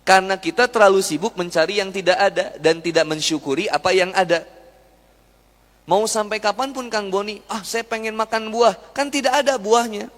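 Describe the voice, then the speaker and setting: Young male preacher, bantering with his audience, fairly high voice. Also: brisk, a bit bright. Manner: chatty, jokey, asks the crowd questions. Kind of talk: lively sermon to a live audience. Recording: long hall reverb.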